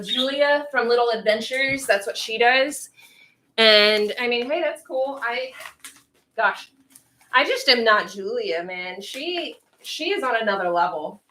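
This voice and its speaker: A woman from the northeastern United States hosting a casual livestream, chatting straight to her viewers and saying herself that she talks fast. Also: on the high side, sharp tone, roomy sound, far from the mic, slight background noise, low-quality recording. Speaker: livestream host.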